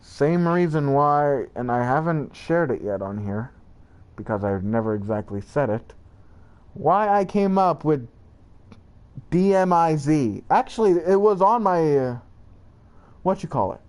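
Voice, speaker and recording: Slow, rambling young man. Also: animated, a little mellow. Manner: rambling, halting, jumps between high and low pitch. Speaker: channel creator. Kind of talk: rambling lore monologue.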